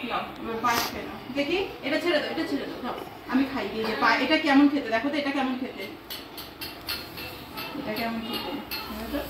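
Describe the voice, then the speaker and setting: A woman coaxing a small child to eat, speaking quickly. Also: on the high side. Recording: echoey, distant room recording with loud noise.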